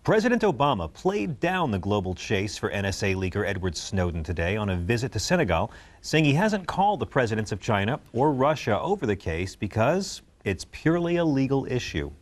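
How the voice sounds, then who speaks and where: Man, news show host, wry scripted commentary, lively voice that rises and falls, fairly low pitch. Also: fairly quick. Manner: lively, wry delivery with dry jokes.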